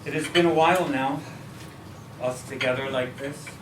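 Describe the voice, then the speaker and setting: A man's voice: medium pitch, steady tone, moderate pace, noisy background, close to an everyday voice. A man playing a principled, weary, tender President Lincoln in a theatrical staged reading of a musical. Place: public staged reading in a restaurant. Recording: echoey room, distant mic, piano music behind.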